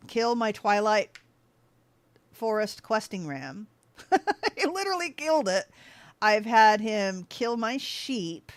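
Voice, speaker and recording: A woman with a medium-pitched voice chats casually with viewers while livestreaming a game. She gets sidetracked easily and laughs a lot. There's no echo on the audio.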